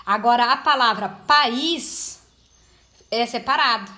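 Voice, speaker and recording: A woman's voice: on the high side, slow, pushed and bright. A woman teaching a lesson, explaining patiently step by step with many fillers. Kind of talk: informal classroom lesson.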